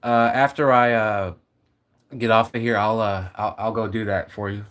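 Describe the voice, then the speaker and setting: A man casually hosting a live reaction stream, relaxed and chatting with viewers. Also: on the low side, normal speed. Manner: laid-back, thanks chat viewers by name. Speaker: livestream host.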